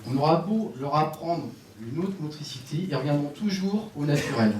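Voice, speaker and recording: A man's voice: on the high side, animated, moderate pace, a little mellow. A man giving a sports conference talk on a headset mic, leading the audience through exercises with a directive, joking manner. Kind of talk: live lecture with audience exercises. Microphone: headset microphone. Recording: echoey room, voice from a distance, faint room noise.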